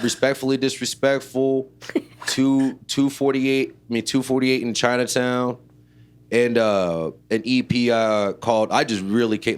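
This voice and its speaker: A man from Illinois, a rapper and producer, talking as an interview guest in a loose, rambling way full of fillers. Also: medium pitch. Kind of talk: casual interview chat.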